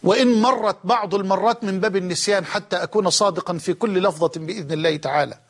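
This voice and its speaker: A man's voice: high voice, quick pace. A man with an Egyptian Arabic accent preaching an Islamic sermon, switching between classical Arabic and dialect, emphatic and pleading.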